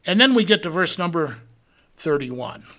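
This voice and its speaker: A man's voice: fairly high pitch, sing-song, moderate pace, bright, forceful tone. A man preaching a verse-by-verse sermon, asking the congregation rhetorical questions and drawing out key words for emphasis.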